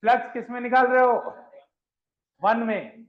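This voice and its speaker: A man's voice: extremely high pitch, fairly even intonation, a little slow. A male physics teacher lecturing a live class, asking questions, repeating them, and coaxing his students along as children. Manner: addresses students fondly as children. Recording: dull lo-fi sound.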